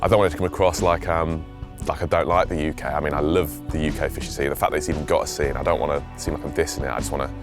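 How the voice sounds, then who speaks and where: A man's voice: rumbling low, little pitch movement, racing, over music. A young man who grew up in Switzerland, talking casually and enthusiastically as an angler, rambling with restarts. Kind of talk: casual outdoor chat and voice-over.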